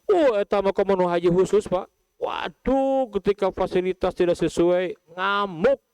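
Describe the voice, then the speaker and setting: Animated preacher with a Sundanese accent. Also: male voice, moderate pace, smooth, no echo. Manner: addresses listeners as Pak and Bu, asks rhetorical questions; shifts between calm low recitation and high animated outbursts. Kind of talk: sermon to pilgrims.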